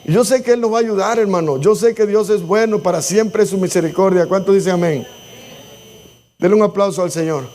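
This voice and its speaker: High-voiced man preaching with passion. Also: a little fast, darkish tone. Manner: impassioned preaching, acts out prayers. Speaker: pastor. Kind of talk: sermon. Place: church.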